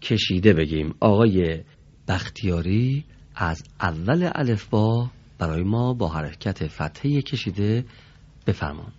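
Low-voiced man teaching letter sounds. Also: lively intonation, darkish tone, slightly rough, highs cut off. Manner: patient and formally polite, modelling letter sounds for students to repeat. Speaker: Quran reading teacher. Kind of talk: classroom instruction.

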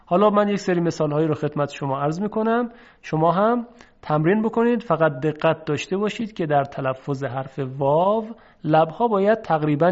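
A man teaching Quran recitation, explaining how letters are pronounced and stretching out example sounds slowly for his students to repeat. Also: on the high side, highs cut off. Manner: slow, drawn-out demonstration of sounds. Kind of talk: lesson on letter pronunciation.

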